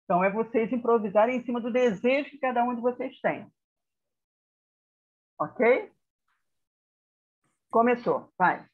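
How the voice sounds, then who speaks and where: A woman's voice: a little high, unhurried, pauses often. Woman directing a theatre exercise. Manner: directive, checks in with "tá?" and "ok". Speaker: theatre workshop facilitator. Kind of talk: giving exercise instructions. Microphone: video call. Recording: muffled video call audio.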